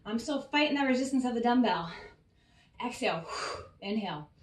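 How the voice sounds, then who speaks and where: Slightly high-pitched and animated, this female fitness coach talks fairly fast while leading exercises, cheering people on and calling out every breath and rep, a bit winded. She's far from the microphone, giving a roomy, off-mic recording.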